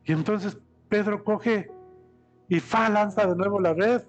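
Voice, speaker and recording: A man's voice: sits high, unhurried, muffled recording, faint music behind. A man preaching a Sunday sermon in a church, in a conversational style, often asking the congregation for agreement. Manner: retells scripture by acting out dialogue. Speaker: pastor. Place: church service.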